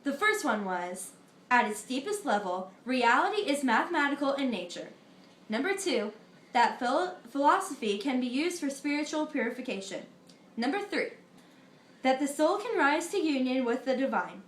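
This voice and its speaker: In a roomy-sounding space, a schoolgirl with a high, sing-song voice takes on the role of Pythagoras for a class history project. Her mock-interview answers come out recited and earnest, slightly halting, with the odd slip. She portrays him as an earnest older man.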